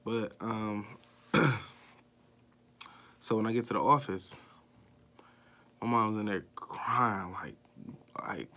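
A young man vlogging, telling a personal story in a loose, profane, filler-heavy way. His voice climbs higher and louder when he gets worked up. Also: drawn-out words, pauses often.

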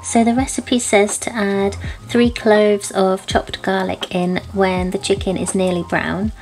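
A young woman from the United Kingdom talks through making dinner in her home kitchen, relaxed and chatty, dropping in little "um"s. Her voice sits at an ordinary middle pitch, with light background music playing faintly underneath. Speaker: vlogger. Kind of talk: casual cook-along vlog.

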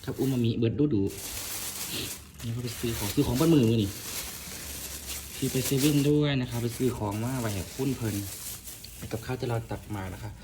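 A man's voice: mid-range voice, noisy background. A man with a northeastern Thai Isan accent, chatting casually to his viewers in a rambling vlog, often turning to speak to them as friends. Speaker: vlogger.

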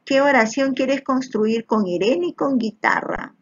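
Patient teacher woman, gravelly and husky. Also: high voice, lively intonation, measured pace, lo-fi sound. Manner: patient and encouraging, frequent checking questions; addresses pupils as little children. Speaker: primary school teacher. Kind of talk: recorded online lesson over slides.

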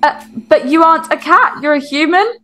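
A young British woman with a high, brisk, pushed and bright voice does a game roleplay vlog in which she plays the mum. She sounds chirpy and keeps exclaiming, with soft music in the background.

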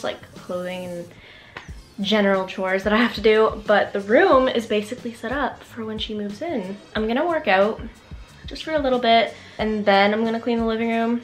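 A woman vlogging casually at home, chatty and full of "like" fillers. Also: mid-range voice. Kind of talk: casual vlog narration. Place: at home indoors.

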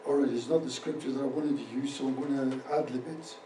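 A man's voice: mid-range voice, fairly even intonation, fast, mellow, distant mic, a little hiss or hum. A middle-aged man preaching a sermon as pastor, pressing his points with rising emphasis and sometimes ad-libbing. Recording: roomy echo, speaker away from the mic.

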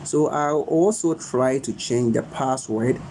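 A young Ghanaian man with a Ghanaian English accent, hosting a live phone tutorial indoors on his phone's front camera. He talks slowly and repeats himself, pleading with viewers to stay. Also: medium pitch, very noisy. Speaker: livestream host.

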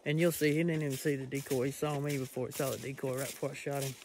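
A man's voice: mid-range voice, little pitch movement, fast, background noise. A man talking casually to his own camera outdoors, rambling with many fillers and restarts as he explains things. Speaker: hunting vlogger. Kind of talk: casual self-filmed vlog talk. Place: outdoors on rural land. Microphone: self-filmed camera.

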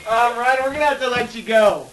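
A man's voice: very high voice, moderate pace, fairly bright tone, a little hiss or hum, low-quality recording. A teenage boy goofing around while hosting a homemade cooking video, joking and giggling, recorded on a laptop webcam in a home kitchen. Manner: giggly and joking, often breaking into laughter. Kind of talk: goofy casual chat. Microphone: laptop webcam mic.

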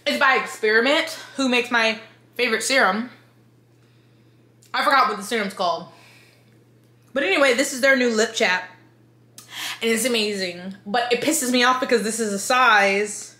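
A drunk woman in her thirties giving a rambling, exasperated, sweary book review rant in an animated, emphatic way. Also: a little high, normal speed, pauses often. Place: living room with bookshelves, indoors. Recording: roomy home echo.

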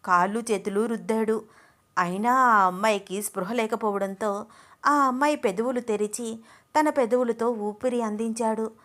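A woman reads a scripted story aloud with expressive, measured pacing. Her voice sits somewhat high. She speaks as the host of her own story channel.

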